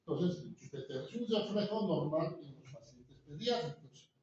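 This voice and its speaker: A man's voice: fairly high pitch, lively intonation, normal speed, a little mellow, slight background noise. A man giving a classroom lecture, often asking the students rhetorical questions. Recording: echoey, distant, dull room recording.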